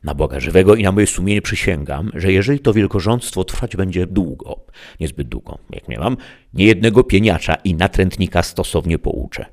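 A man voicing a blustering, hungry peasant-governor who grumbles indignantly and loudly. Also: sits low, lively intonation, a little fast. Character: blustering hungry peasant-governor Sancho, male, middle-aged.

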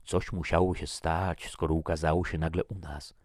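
A man's voice: low-pitched, flat delivery, normal speed, a little mellow, no echo, clean studio sound, close to an everyday voice. A man voicing a musing male researcher. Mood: thoughtful. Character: thoughtful male Swedish researcher. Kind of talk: audiobook reading.

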